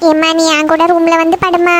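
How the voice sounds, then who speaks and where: A woman's voice: very high voice, flat delivery, a little fast, a little hiss or hum. A woman voicing a young girl in a cartoon, scared and pleading with her mother. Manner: whiny and pleading. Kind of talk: cartoon voice acting.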